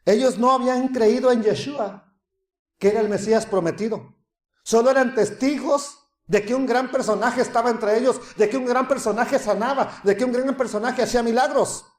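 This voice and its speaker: A man preaching a sermon, dramatic and animated, swinging between loud calls and hushed asides. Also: very high-pitched, moderate pace, roomy sound.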